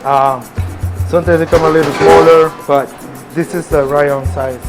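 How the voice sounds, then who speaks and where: A man from Peru with a Peruvian Spanish accent, a restaurant owner who pauses often to find his words while talking in his kitchen. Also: fairly high pitch, level tone, gravelly, loud music behind the voice. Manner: halting, searching for words. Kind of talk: casual interview.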